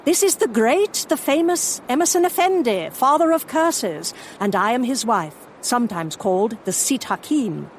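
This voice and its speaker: A woman playing a brisk, commanding Victorian lady Egyptologist who narrates and speaks in crisp, formal sentences, in a full-cast audio drama. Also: on the high side, expressive, a little hiss or hum. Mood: coaxing. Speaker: narrator and lead character.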